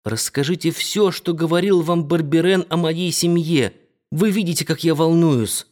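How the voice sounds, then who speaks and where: Man reading as a worried boy begging for answers, a bit higher than his own voice, urgent. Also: moderate pace, darkish tone, lightly acted. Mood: pleading. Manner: urgent, pleading. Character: anxious young boy searching for his family. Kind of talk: audiobook reading.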